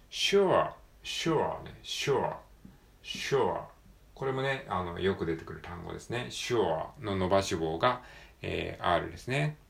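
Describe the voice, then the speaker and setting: A Japanese man with a low voice and a gravelly, creaky edge talks calmly through English pronunciation. He explains a point, then reads practice words and phrases slowly, drawing each sound out with emphasis. He has a strong Japanese accent. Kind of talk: solo read-aloud practice with commentary.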